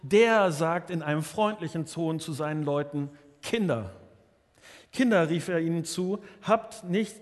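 A man's voice: fairly high pitch, moderate pace, hardly any pauses, in a large hall. A man preaching a sermon earnestly, often restarting and repeating his words. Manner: earnest, many restarts and repetitions.

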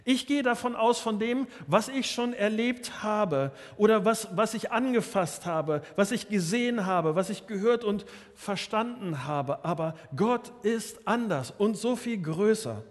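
A man's voice: high-pitched, lively intonation, a little slow, hardly any pauses, in a large hall. A man preaching a sermon earnestly, often restarting and repeating his words. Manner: earnest, many restarts and repetitions.

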